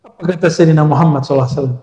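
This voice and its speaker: A man's voice: on the high side, racing, warm tone. A male Islamic preacher giving a sermon, asking his audience questions and answering them himself, sometimes chanting verses. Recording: echoey dull-sounding hall.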